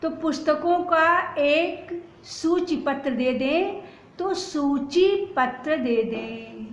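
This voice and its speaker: Slow-spoken woman teaching grammar. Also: high-pitched. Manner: slow, deliberate, repeats each sentence to correct it. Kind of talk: exam-prep grammar lesson. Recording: slightly dull, roomy lo-fi recording.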